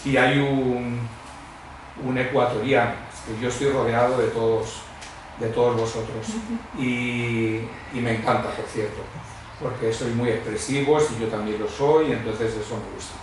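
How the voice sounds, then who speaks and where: Before a congregation in a church hall, a guest preacher from Madrid, Spain, a middle-aged or older man, recounts his testimony at a measured pace and medium pitch. His telling is expressive and rambling, peppered with humorous tales. The mic sits far away in a highly echoey room with a little noise.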